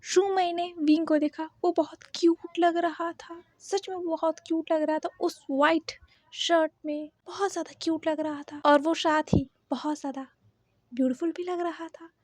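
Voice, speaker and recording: A woman's voice: extremely high pitch, fairly even intonation, moderate pace, dry recording, studio quality. A woman narrating a fan fiction story expressively, with some repetition.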